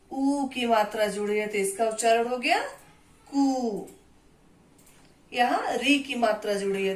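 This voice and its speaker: A woman teaching a Hindi lesson to children, with a clear teacher's delivery that spells out and repeats syllables. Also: on the high side, reverberant.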